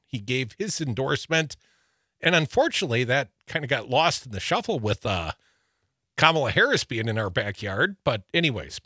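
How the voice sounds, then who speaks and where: A man's voice: mid-range voice, pushed and bright, slightly rough, no echo, clean studio sound. A man from Wisconsin co-hosting a political talk show, reading news items aloud with wry, joking asides. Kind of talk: casual political banter.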